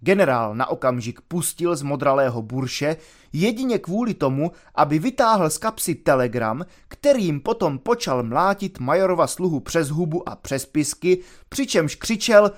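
A man narrating a classic novel in a steady, measured storytelling voice. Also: a little high. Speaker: audiobook reader. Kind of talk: literary narration.

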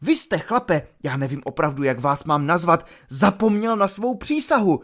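A man voicing an exasperated army lieutenant who berates his soldier at full shout, in an audiobook reading. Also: fairly high pitch, lively intonation. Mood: furious.

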